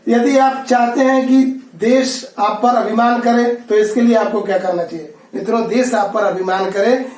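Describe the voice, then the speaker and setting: A man with a very high voice explains a lesson slowly and patiently, going back over his phrases. He sounds some way from the mic, and the room gives his voice a strong echo. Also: far from the mic. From India. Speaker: school teacher. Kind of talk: classroom lesson.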